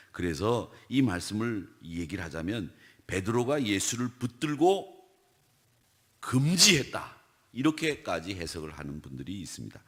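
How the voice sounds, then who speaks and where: A male pastor preaching at a dawn prayer service in a conversational way, asking his listeners questions and acting out what others said. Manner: animated, acts out quoted speech with big swings in pitch and loudness; conversational, asks the congregation rhetorical questions.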